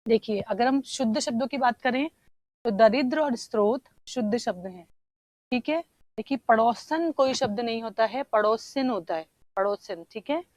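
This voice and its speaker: A woman teacher going through exam answers one question at a time. She explains slowly, spells out words while she writes them and keeps checking with "theek hai". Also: on the high side, no echo. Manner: often says "theek hai" to check understanding. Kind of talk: exam answer discussion lesson.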